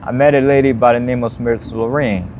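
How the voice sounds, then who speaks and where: A man in his thirties from Liberia, speaking with a Liberian accent, telling his life story as an interview guest in a plain, steady way. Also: medium pitch, a little fast, background noise. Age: 30s.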